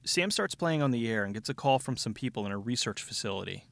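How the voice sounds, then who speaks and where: A man's voice: medium pitch, animated, fast, gravelly, fairly bright tone. A man giving a sardonic, scripted comedic movie recap as a show host, with dry wit. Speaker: film review show host. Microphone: close studio voice-over mic.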